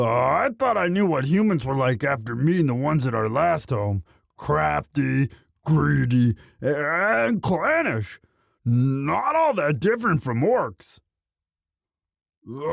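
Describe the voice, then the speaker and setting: A man voices a young orc in a romantic roleplay audio, playing him as a gentle, sweet himbo who speaks haltingly, stammering in a bashful, earnest way. His exaggerated voice sits on the high side, sing-song with vocal fry, recorded at studio quality with no echo. The mood is tender and earnest.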